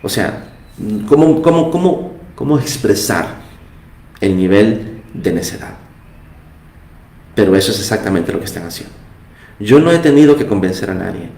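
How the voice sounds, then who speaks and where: Low-voiced guy preaching hard, fervent, echoey room. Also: expressive, moderate pace, gravelly, long pauses, darkish tone. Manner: fervent, rising to impassioned outbursts. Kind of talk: sermon.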